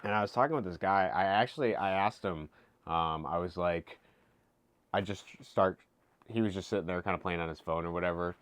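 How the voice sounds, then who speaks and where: A young man with a very low voice talks into a dry, close streaming mic. He rambles through casual stories, laughs easily and swears freely. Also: fairly quick, a bit bright, smooth, dry recording. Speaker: streamer host. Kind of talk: casual chat.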